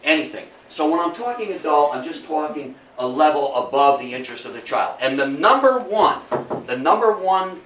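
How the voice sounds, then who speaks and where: An older lecturer talks history to an audience indoors in a folksy, chatty way, posing rhetorical questions. He is animated and keeps a moderate pace with hardly any pauses, his voice on the high side and fairly bright. The recording is roomy and distant, with faint noise.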